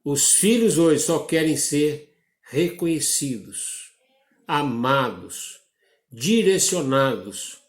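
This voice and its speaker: Brazilian male pastor, slow deliberate sermon delivery, slightly high voice, echoey church. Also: animated. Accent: Brazilian Portuguese. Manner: slow, measured preaching with dramatic drops in pitch. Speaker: preacher.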